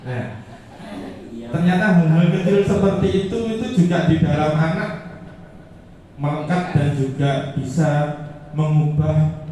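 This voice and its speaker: A man's voice: fairly high pitch, measured pace, long pauses, warm tone. A male teacher presents to fellow teachers in a chatty, hesitant way, with many fillers. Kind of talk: workshop presentation. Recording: echoey room from far off.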